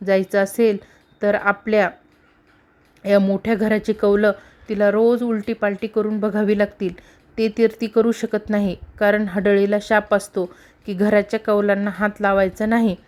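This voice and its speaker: A woman's voice: mid-range voice, level tone, measured pace, a little mellow, close to an everyday voice. A woman voicing a shrewd, bossy old mother-in-law who gives orders in a scolding, commanding way.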